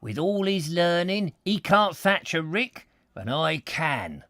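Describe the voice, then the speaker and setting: A man voicing a slow-spoken elderly farm labourer with a rustic country dialect, read aloud in a storybook. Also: a little high, very animated, fairly bright tone, dry recording, studio quality, voice pushed up, heavily acted. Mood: earnest, folksy. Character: slow-spoken elderly male village labourer, simple and earnest.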